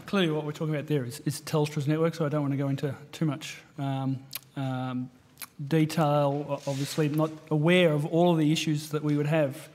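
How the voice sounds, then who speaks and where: A man giving careful, measured technical evidence at a parliamentary hearing as a company executive. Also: a little high, flat delivery, darkish tone, a little hiss or hum. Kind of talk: formal testimony at a parliamentary hearing.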